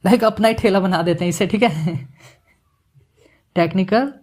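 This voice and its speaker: A man giving a casual, joking software tutorial, mixing English words into his Hindi as he works. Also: high-pitched, fast. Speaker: animation tutorial instructor.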